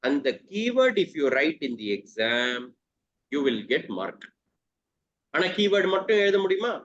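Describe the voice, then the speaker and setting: A man's voice: high-pitched, big pitch swings, rapid-fire, fairly bright tone. A man with a South Indian Tamil accent teaching an exam class, mixing Tamil and English, repeating key terms and asking checking questions. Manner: switches between English and Tamil. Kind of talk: interactive exam coaching lesson. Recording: dull, lo-fi online class audio.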